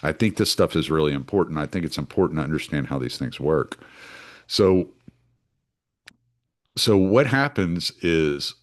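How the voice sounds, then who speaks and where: A man's voice: rumbling low, expressive, normal speed, pauses often. A man, hosting a solo podcast in a rambling, casual way full of restarts and fillers. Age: 40s. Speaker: podcast host.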